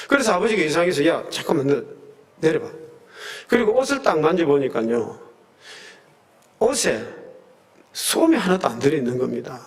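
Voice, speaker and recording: A man preaching a sermon as pastor, telling a story earnestly and emphatically, with acted-out quotes. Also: on the high side. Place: church sanctuary.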